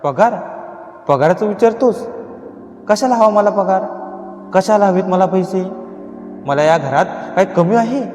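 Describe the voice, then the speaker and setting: A man's voice: fairly high pitch, normal speed, darkish tone, close to an everyday voice. A man voicing an older village housekeeper woman, devoted and anxious, speaking in a pleading, rustic way. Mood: indignant. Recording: echoey reverberant room, faint music.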